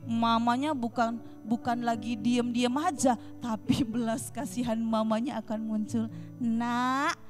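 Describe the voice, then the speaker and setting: A woman teaching Sunday school, telling a Bible story to children in a lively way, asking them questions and acting out short lines from the story. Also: high-pitched. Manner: animated, addresses children directly with questions.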